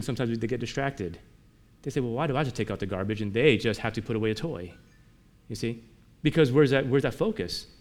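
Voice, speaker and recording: Male pastor, mid-range voice, preaching conversationally; rhetorical questions, shifts between emphatic and hushed delivery. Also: mid-range voice. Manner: swings between emphatic and quiet. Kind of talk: sermon.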